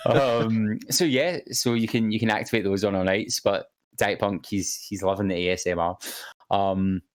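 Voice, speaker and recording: A man's voice: on the low side, steady tone, moderate pace. A man co-hosting a casual podcast, reading viewer comments aloud with many fillers and restarts. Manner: hesitant, many fillers and repeated words. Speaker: co-host reading chat.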